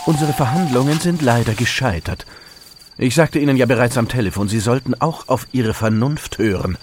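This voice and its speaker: A man playing a menacingly courteous killer, lively-voiced. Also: medium pitch, slight background noise, lightly acted. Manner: formal, mockingly courteous, menacing. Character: coldly polite, menacing male killer, devoted to his lover. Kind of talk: dramatized crime audio play.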